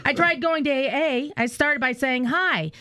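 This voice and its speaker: A woman's voice: high voice, normal speed, bright, forceful tone, no echo, clean studio sound. A woman telling stand-up jokes as a radio comedy guest, brassy and laughing at her own punchlines.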